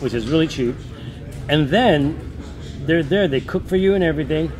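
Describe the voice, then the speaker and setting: A man's voice: on the high side, expressive, normal speed, a little mellow, faint music behind. A man hosting a casual podcast chat, chatty and informal, often restarting his sentences. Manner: chatty, restarts, says dude and right. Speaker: host.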